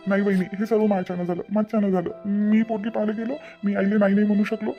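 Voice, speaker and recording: Cartoon role: a man voicing a pleading, lovesick young villager, rapid-fire delivery, muffled track with music underneath. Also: fairly high pitch, level tone, lightly acted. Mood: tearful. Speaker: cartoon character. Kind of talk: cartoon family drama dubbing.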